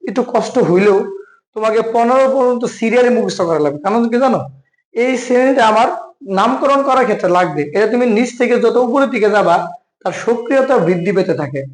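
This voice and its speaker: A Bangladeshi Bengali man teaching an exam-prep chemistry lesson, with a very high voice that stays light and quick. He keeps firing questions at the viewer and answering them himself, often calling them brother. The sound is echoey, as if he is in a bare room. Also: animated. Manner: quizzes listener then answers himself. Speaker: chemistry tutor.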